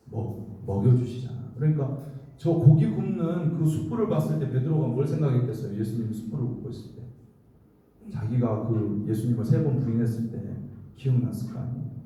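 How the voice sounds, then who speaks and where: A man preaching a lively, interactive sermon to a youth group, quizzing the listeners and acting out the voices in the story. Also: medium pitch. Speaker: youth pastor. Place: church hall. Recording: distant mic in echoey hall.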